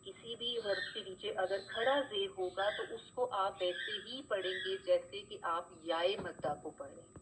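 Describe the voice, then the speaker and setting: A woman teaching Quran recitation rules in an online class. She explains slowly and patiently, repeats key points and often checks that students are following. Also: mid-range voice, fairly even intonation. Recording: slightly dull, faint background noise.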